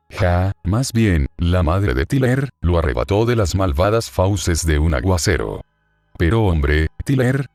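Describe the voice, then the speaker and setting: A man reading a first-person horror story aloud in measured, short phrases with pauses. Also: deep voice, darkish tone, dry recording.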